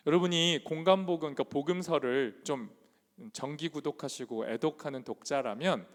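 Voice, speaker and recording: Lively conversational man preaching. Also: on the high side. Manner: conversational, asks the congregation many questions. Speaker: youth pastor. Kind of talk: sermon. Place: church sanctuary. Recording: long church hall reverb.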